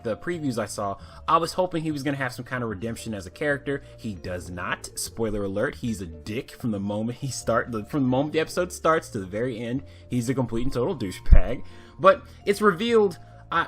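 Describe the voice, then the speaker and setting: Guy ranting about a cartoon, swears a lot, rambles, voice jumps all over, some soft music behind. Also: mid-range voice. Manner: rambling, profane, fillers. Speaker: cartoon reviewer. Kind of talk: casual ranting review.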